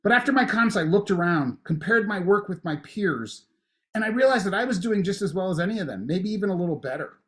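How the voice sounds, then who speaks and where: A man voicing a firm, matter-of-fact woman in grad school who reassures a nervous newcomer. Her lines sit a little higher than his usual voice and come out plain and encouraging, with no showy acting. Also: expressive, fairly quick, fairly bright tone. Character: supportive older female grad student, blunt.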